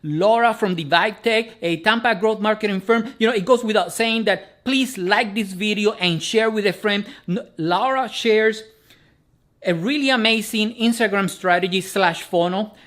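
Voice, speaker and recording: High-voiced man hosting in an echoey room. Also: normal speed, a bit bright. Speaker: podcast host. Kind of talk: casual interview chat.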